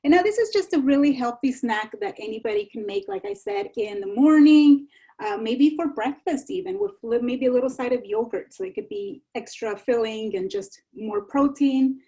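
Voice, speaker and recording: A woman's voice: fairly high pitch, expressive, normal speed, mellow. A woman giving a live online cooking demonstration in a chatty, reassuring way over a video call. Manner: chatty, reassuring, repeats herself. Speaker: enrichment instructor.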